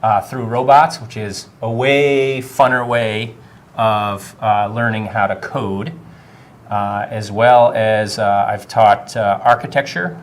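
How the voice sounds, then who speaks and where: Middle-aged male shop teacher, relaxed and friendly, talks with frequent filler sounds. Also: on the low side, slow pace. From Vermont. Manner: friendly, many filler uhs. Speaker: high school technology teacher. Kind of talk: casual interview answers.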